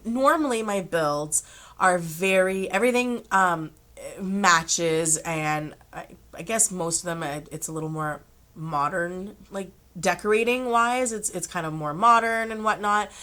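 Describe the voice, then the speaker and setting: A young woman with a sick, slightly rough voice, chatting casually to her channel with rambling asides and throat-clearing. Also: mid-range voice, a little slow, sharp tone. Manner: chatty, rambling, self-amused. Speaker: vlogger. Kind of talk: casual chat.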